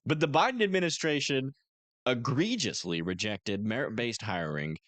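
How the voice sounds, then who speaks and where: A man's voice: mid-range voice, expressive, normal speed, fairly bright tone, no echo. A man co-hosting a podcast in casual chat, joking, laughing often and stubbornly arguing his point. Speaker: podcast co-host.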